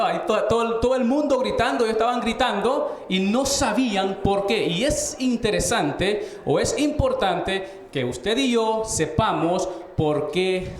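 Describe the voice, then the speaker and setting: A man teaches the Bible in a sermon style, often asking his listeners rhetorical questions and restarting his phrases. His voice sits high for a man. The sound carries the echo of a roomy church. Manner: explanatory, asks rhetorical questions, frequent restarts.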